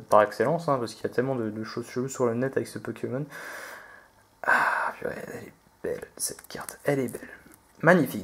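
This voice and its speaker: A man hosting a relaxed card-pack opening video, chatty and hesitant, reading out each card name as he goes. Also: mid-range voice. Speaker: video host opening trading card packs. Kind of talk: relaxed unboxing commentary.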